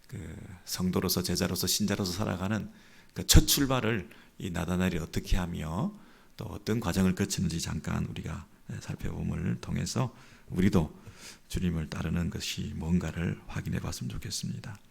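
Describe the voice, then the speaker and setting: Gravelly low-voiced male pastor preaching. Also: moderate pace. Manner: acts out quoted dialogue with lively shifts in pitch and loudness. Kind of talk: sermon at a dawn prayer service.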